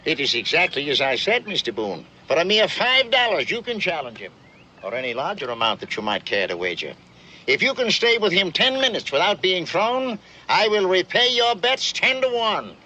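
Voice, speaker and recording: Florid, high-pitched riverboat gambler showman. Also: big pitch swings, moderate pace, sharp tone, exaggerated voice. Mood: slick, enticing. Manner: florid riverboat gambler patter, pompous and wordy. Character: grandiloquent traveling showman and wagering huckster. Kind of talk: 1960s television western acting. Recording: noisy old TV western soundtrack.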